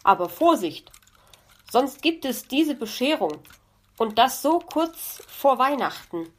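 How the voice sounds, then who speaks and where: A woman's voice: high voice, sing-song, takes it slowly, voice pushed up, exaggerated voice. A woman voicing a genial, polite male fox baking cookies in a children's audiobook. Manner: courteous, amused and warm.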